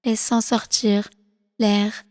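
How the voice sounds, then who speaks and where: A woman with a soft, mellow voice pitched in the middle range guides listeners through a prenatal yoga nidra meditation. Like an instructor, she soothes with slow, calm, deliberate phrasing, and a long reverb tail follows her voice.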